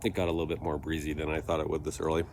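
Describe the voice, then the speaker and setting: A man giving a casual, rambling product review, thinking aloud haltingly with trailing pauses. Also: extremely low pitch, monotone, a little mellow. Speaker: pipe tobacco reviewer. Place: outdoors in a light breeze. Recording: breezy outdoor vehicle-like background noise.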